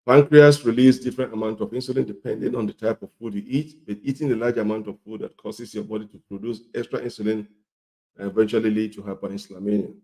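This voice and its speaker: Male health presenter, coarse gravelly voice thick with a cold, very dark tone, repetitive and emphatic instructional delivery. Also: on the low side, rough recording. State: congested and hoarse with a cold. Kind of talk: instructional talk to viewers.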